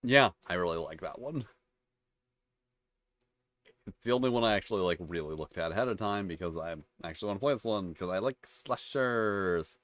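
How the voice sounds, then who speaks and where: A man's voice: low voice, lively intonation, normal speed, a bit bright, no echo. A man hosting his channel, reading tabletop game rules aloud and breaking off into chatty, rambling asides. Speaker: channel host reviewing tabletop games.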